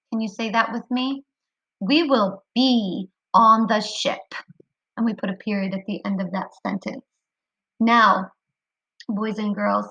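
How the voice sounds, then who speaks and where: A woman teaching a kindergarten phonics lesson online, speaking clearly and encouragingly to young children. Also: mid-range voice, pushed and bright, highs cut off.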